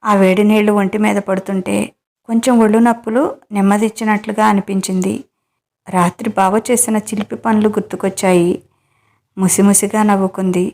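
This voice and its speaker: A woman reading a romance audio story aloud as its storyteller, narrating in a steady way. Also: medium pitch, brisk.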